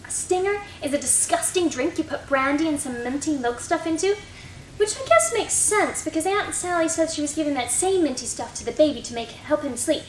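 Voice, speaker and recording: Woman as chatty young schoolgirl, high voice, innocent storytelling, stage reading, distant from the mic in an echoing room. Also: lively intonation, fairly quick. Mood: chatty, guileless. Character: chatty, guileless young schoolgirl reading her report to class. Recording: distant mic, roomy, faint noise.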